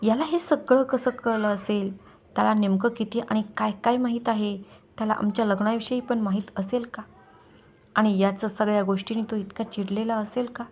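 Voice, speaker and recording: A woman's voice: medium pitch, steady tone, normal speed, a little mellow, a little hiss or hum. A woman reading a first-person story aloud with emotion, as the channel's storyteller. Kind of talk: scripted story narration.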